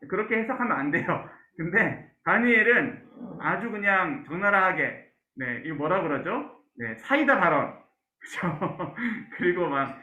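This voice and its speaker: Male pastor, lively, high-pitched teaching voice; asks the class questions; roomy lo-fi sound. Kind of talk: Bible class lecture.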